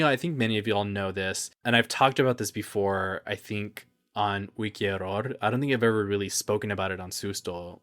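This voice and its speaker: Earnest, reflective man with a lowish voice. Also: a bit bright. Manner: earnest and reflective, openly emotional; loose, rambling asides between read passages. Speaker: podcast host. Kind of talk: personal podcast monologue.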